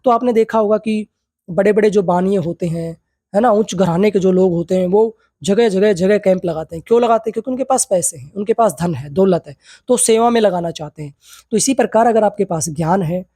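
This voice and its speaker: A man teaching a yoga theory class. He reads English text slowly, then explains it in Hindi, often checking in with tag questions and asking his students rhetorical questions. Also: sits high, dark tone, dry recording, studio quality. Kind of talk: lecture.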